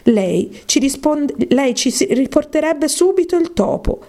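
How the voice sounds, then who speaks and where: A woman voicing Alice, a polite, eager young girl who is quick to apologize. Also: sits high, lively intonation, warm tone, pitched above the performer's own voice. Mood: earnest. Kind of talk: storybook reading.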